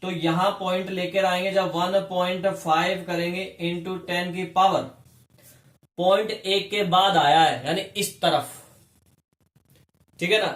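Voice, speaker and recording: In an echoey classroom, a man teaching chemistry explains concepts one step at a time and often quizzes his students along the way. He speaks slowly in a high, steady, fairly bright voice.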